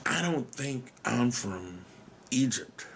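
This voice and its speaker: Taking things slowly, an American podcast host speaks in an animated, medium-pitched and slightly bright voice, with slight background noise. Alone at the mic, he rambles, muses, questions himself and trails off, now and then whispering and swearing casually.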